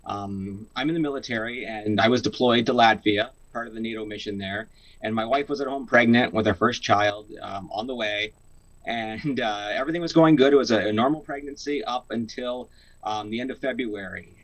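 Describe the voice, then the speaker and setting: A man's voice: lowish voice, normal speed, poor audio. A young man from Canada, telling a personal story in a casual interview, earnest, with many fillers and restarts. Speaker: guest.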